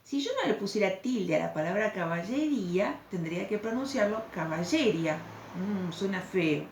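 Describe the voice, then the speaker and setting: A woman's voice: mid-range voice, lively intonation, a little fast, darkish tone. A woman teacher, patiently explaining a recorded lesson and checking in with the class through questions. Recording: echoey room, faint background noise.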